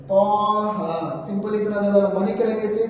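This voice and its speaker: A male Quran reading teacher patiently explaining a lesson step by step and chanting letters in long drawn-out tones. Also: high voice, level tone, warm tone. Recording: echoey, distant mic with faint room noise.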